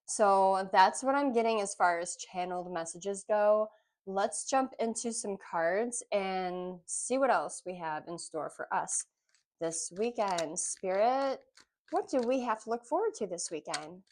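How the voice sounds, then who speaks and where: Woman, tarot reader, casual intuitive reading, musing, halting phrasing. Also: mid-range voice, animated. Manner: musing, pauses between phrases.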